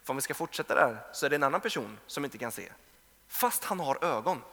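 A pastor in his thirties, tired from little sleep, delivers a conversational sermon, acting out the voices of the people in his stories. His medium-pitched voice is expressive, bright, and forceful, and a hall adds long reverb.

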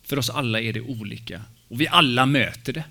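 Bright-voiced man preaching a sermon. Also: mid-range voice. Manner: personal, emotional preaching with many fillers. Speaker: pastor.

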